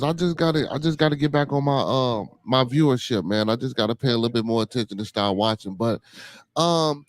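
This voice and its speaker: A man with a Chicago accent hosting a casual live-stream podcast, talking in a loose, slangy, laid-back way and often tagging on "man". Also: fairly high pitch. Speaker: podcast host.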